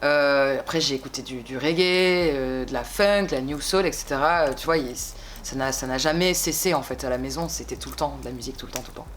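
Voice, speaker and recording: This interview features a twentysomething singer from Bordeaux, France, talking in a relaxed, slangy way and wandering off into lots of small asides. Her pitch is extremely low and her pace brisk. A little hiss or hum can be heard.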